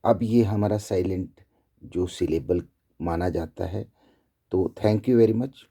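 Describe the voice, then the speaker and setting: A male teacher giving a slow, deliberate lecture, explaining each point with repeated examples. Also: low-pitched, dark tone, husky. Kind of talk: classroom lecture.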